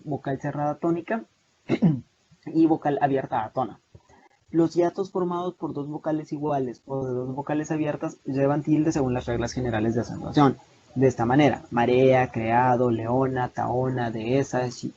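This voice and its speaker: A man's voice: mid-range voice, moderate pace, mellow. A young man with a Salvadoran Spanish accent, teaching an online class over slides, explaining steadily with many hesitations and restarts. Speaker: online tutor. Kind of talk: lecturing over video call slides. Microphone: video call mic. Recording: muffled lo-fi video call with faint noise.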